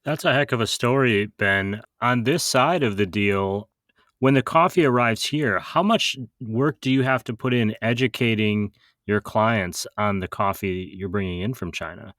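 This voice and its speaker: Chill guy hosting a podcast, lower voice, asking stuff, no room sound. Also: moderate pace, no echo, clean studio sound. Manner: relaxed, curious questioning. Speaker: podcast host. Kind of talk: casual podcast interview.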